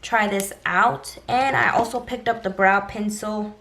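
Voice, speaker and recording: A woman's voice: medium pitch, fairly even intonation, a little slow, gravelly, a bit bright. A woman talking casually and directly to viewers as a beauty vlogger, giving an informal shopping haul review.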